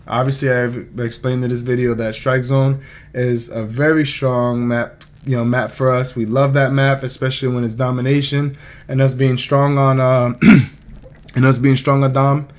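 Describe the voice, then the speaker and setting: A young man hosting his own vlog, recapping a gaming tournament in a chatty, rambling, joking way. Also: mid-range voice. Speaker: esports player and vlog host.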